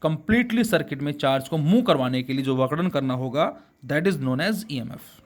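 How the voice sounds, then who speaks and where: A man's voice: a little high, expressive, normal speed. A man teaching physics in Hindi mixed with English terms, calling his students beta and asking questions he answers himself. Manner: asks rhetorical questions and answers them himself. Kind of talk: classroom physics lecture.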